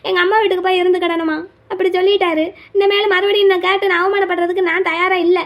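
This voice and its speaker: A woman's voice: extremely high pitch, flat delivery, quick pace. A woman voicing an older mother, tearful, stubborn and resentful. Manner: plaintive and resentful.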